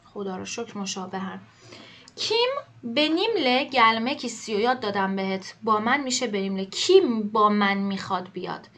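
A woman teaching an online language lesson. She explains quickly and reads the example sentences slowly and clearly. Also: medium pitch, a bit bright.

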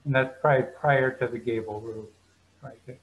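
A man's voice: medium pitch, fairly quick, phone-quality sound. Man narrating a museum slideshow tour. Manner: relaxed, explanatory, frequent ums.

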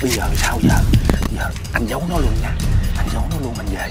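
A man's voice: mid-range voice, animated, quick pace. A man pulling a prank in a comedy skit, urging and ordering his partner around. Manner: urging, bossy, addresses partner as "bé". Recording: loud music behind.

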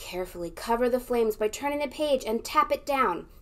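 A young woman as a children's librarian leading a storytime read-aloud. She is animated, gasps for effect and keeps inviting the listener to join in. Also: fairly high pitch, fairly quick, slight background noise.

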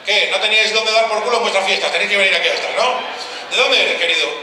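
A man's voice: high-pitched, very fast, noisy background. A man doing live stand-up at a town festival, brashly teasing the crowd and swearing freely. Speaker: stand-up comedian. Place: outdoor town festival stage. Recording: echoey live stage sound from a distance.

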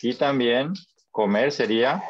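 A man's voice: mid-range voice, unhurried, noisy background. Patient guy running an online spanish class, keeps checking in, kinda muffled call audio. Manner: patient, encouraging, repeats and checks understanding. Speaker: Spanish teacher. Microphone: video call.

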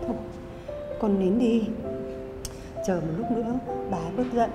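An actress playing a humble older countrywoman who begs forgiveness tearfully and gently comforts her daughter. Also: medium pitch, moderate pace, echoey room, in a large hall, music in the background, lightly acted. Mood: soothing. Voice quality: begging, tearful. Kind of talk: web drama acting.

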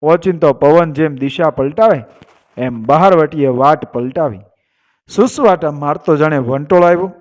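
Male storyteller from Gujarat, India, slightly high voice, dramatic folk-tale narration that lifts for the characters. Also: moderate pace. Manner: voices characters' lines with raised pitch and force.

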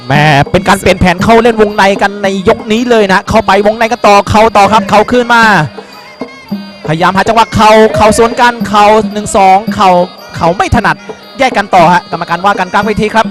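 A man's voice: high-pitched, steady tone, brisk. A man commentating live on a Muay Thai broadcast, exclaiming often as he narrates each blow. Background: music.

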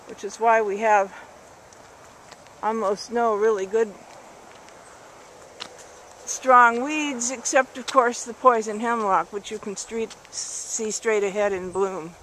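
A woman narrating her walk along a rural road at dusk, thinking aloud and correcting herself as she films with a handheld camera. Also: fairly bright tone. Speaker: hiker filming a walk. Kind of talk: casual narrated walk video. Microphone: handheld camera mic. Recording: faint outdoor noise, handheld camera. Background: distant highway traffic.

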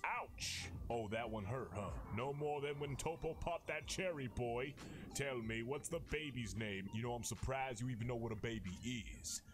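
A man's voice: medium pitch, normal speed, background noise, natural voice. Man doing a cocky, mocking cartoon villain. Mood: smug, taunting. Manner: taunting, smug trash talk. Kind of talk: comic cartoon parody voice acting. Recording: music under the voice.

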